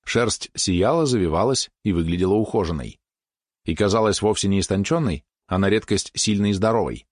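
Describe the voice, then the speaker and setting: Male audiobook narrator, low voice, matter-of-fact first-person reading. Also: fairly quick, dry recording, clean studio sound.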